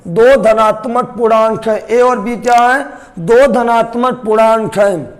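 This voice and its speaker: A man teaching a math lesson to students. He asks questions and answers them himself, and repeats key terms slowly. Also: very high voice. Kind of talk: classroom-style lesson to camera.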